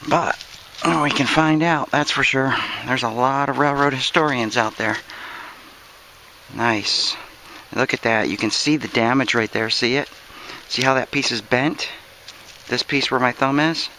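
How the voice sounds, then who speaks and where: A man with a mid-pitched voice talks casually to viewers while digging outdoors. His remarks are short and often repeated, like someone showing finds as they turn up. There is clear noise behind him. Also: a little slow, pauses often, sharp tone, low-quality recording. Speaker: metal detecting vlogger. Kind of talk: casual outdoor vlog narration. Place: outdoors at a dig site.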